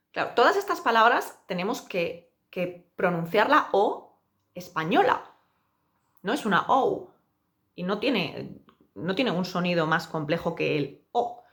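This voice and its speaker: A woman teacher giving a pronunciation lesson, saying example words slowly and with exaggerated care. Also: fairly low pitch, noisy background. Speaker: Spanish teacher.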